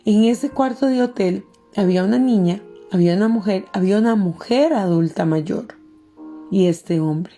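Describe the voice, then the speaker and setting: A woman's voice: medium pitch, normal speed, dark tone, soft background music. A middle-aged woman pastor, telling a personal story in an earnest sermon and calling her listeners beloved.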